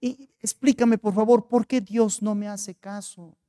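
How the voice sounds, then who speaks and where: A woman's voice: sits low, normal speed, dark tone, no room sound, clean studio sound, close to an everyday voice. A man playing a frustrated middle-aged woman who pleads and questions in a plaintive voice. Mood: pleading.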